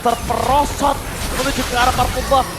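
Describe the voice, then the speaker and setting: High-pitched, hyped Indonesian esports caster, male. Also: little pitch movement, moderate pace. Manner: hyped esports caster, shouting and stretching key words. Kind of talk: excited esports commentary. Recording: loud background noise over broadcast commentary.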